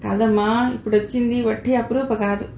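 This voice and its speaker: An earnest, affectionate young suitor from a storybook, as a woman narrator reads his part. He speaks gently and openly. The voice echoes a little in the room, with faint noise behind it. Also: on the high side, level tone, a little fast, close to an everyday voice. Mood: excited.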